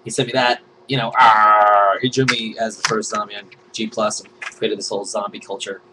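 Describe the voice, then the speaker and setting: A man's voice: fairly low pitch, steady tone, a little fast, noisy background. A man vlogging in a casual chat about trending topics, joking and rambling, now and then slipping into silly put-on voices.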